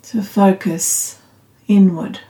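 Woman meditation guide, very slow pace, calm meditative tone, soothing, long pauses, roomy echo. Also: medium pitch. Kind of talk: guided loving-kindness meditation. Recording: roomy, slightly echoing sound.

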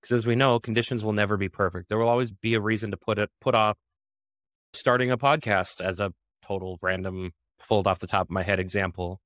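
A man's voice: lowish voice, steady tone, brisk, a bit bright, no room sound, studio quality. A man hosting a casual podcast, upbeat and chatty, often laughing as he talks. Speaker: podcast host.

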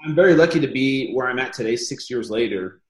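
A man's voice: mid-range voice, fairly quick, echoey room. A man speaking as a podcast guest, telling his story casually with lots of fillers. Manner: relaxed storytelling with many fillers. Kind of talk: casual conversational interview.

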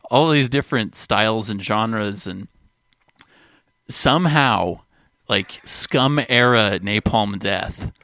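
A man's voice: fairly low pitch, slow pace, pushed and bright, no room sound, clean studio sound. A man co-hosting a music podcast, chatting casually with amused enthusiasm and frequent fillers. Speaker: podcast co-host. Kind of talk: casual chat.

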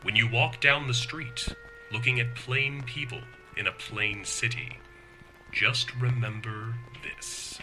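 A man's voice: medium pitch, fairly even intonation, takes it slowly, lightly acted, rough recording. A man playing the ominous, dramatic narrator of a retro sci-fi horror tale, with music behind him. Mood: ominous, foreboding. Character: ominous male narrator of retro eerie tales.

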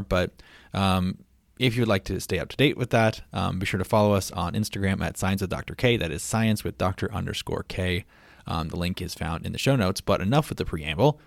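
A man's voice: deep voice, vocal fry, no echo, studio quality. A man hosting a casual science podcast, chatty and playful, with frequent ums and asides. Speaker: podcast host.

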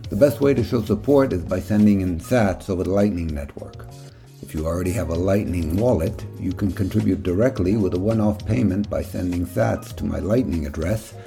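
A male podcast host with a heavily gravelly, dark and husky voice, speaking plainly and without hurry. Faint music plays behind him. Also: lowish voice. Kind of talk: podcast interview and outro.

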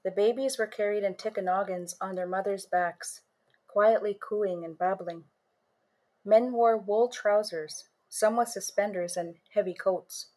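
A woman author and storyteller reading a first-person story in a measured way, lingering on images. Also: medium pitch, steady tone, darkish tone.

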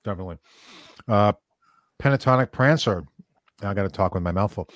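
A man hosting a casual podcast, relaxed and agreeable, reading listener questions aloud. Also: fairly low pitch, brisk, dry recording, studio quality. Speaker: podcast host.

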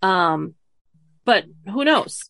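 A woman's voice: mid-range voice, expressive, extremely slow, creaky, pushed and bright, dry recording. A woman co-hosting a casual podcast, telling ghost stories and reading a child's tale aloud with many ums. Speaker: podcast co-host. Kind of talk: casual storytelling chat.

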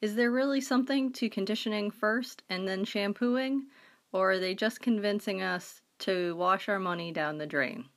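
A woman leaving a brisk, friendly recorded message as a listener. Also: medium pitch. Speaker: listener calling in.

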